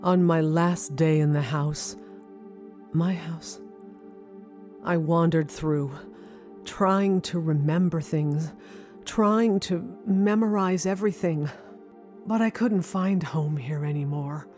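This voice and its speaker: Faint music sits beneath this woman's low, slightly mellow voice as she narrates an audio drama in the first person. Playing a reflective, lonely woman looking back on her childhood, she sounds wistful and deliberate in her scripted delivery.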